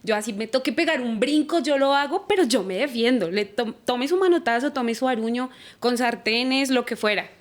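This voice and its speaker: A woman's voice: a little high, normal speed, hardly any pauses. A young woman from Colombia, giving a church podcast testimony and acting out the dialogue she recalls. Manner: animated, acts out quoted dialogue. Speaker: guest.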